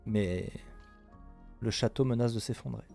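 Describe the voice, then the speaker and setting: A man narrating a tabletop role-playing game as game master, improvising dramatically with suspenseful pauses. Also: lowish voice, creaky, dark tone, faint music behind.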